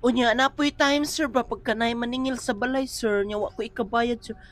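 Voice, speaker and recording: A woman's voice: on the high side, fairly even intonation, normal speed, a bit bright, natural voice. A woman playing an anxious, chatty patient in a comedy sketch, fretful and polite, calling the nurse sir again and again. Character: anxious, chatty woman patient worried about blood pressure.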